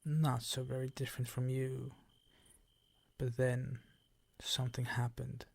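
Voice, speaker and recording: A man plays a possessive, predatory vampire count for ASMR, his formal lines teasing and commanding, his breathy voice frequently sinking to near a whisper. The medium-pitched delivery is completely flat and a little slow, with no room sound, creating a brooding, hushed mood.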